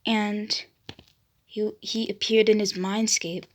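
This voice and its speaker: A woman's voice: mid-range voice, level tone, slow pace. A woman casually narrating a fan story, hesitant, with fillers and restarts.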